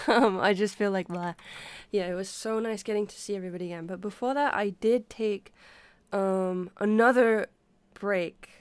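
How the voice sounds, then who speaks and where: A woman sick with a stuffy nose chats casually to her livestream, speaking haltingly and pausing to breathe through her mouth. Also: mid-range voice, steady tone, clear, resonant tone, no echo. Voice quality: congested, stuffy-nosed. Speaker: livestreamer talking to viewers. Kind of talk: casual unscripted chat.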